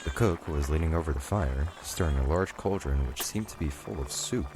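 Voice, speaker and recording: Very deep-voiced male storybook narrator. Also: normal speed, music in the background. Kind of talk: scripted audiobook narration of a children's story.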